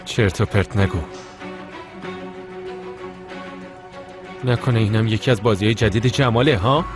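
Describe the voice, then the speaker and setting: A curt, distrustful con man, voiced by a man in a dubbed TV drama, his voice sitting a bit low. He snaps short demands over music playing underneath. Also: natural voice. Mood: angry.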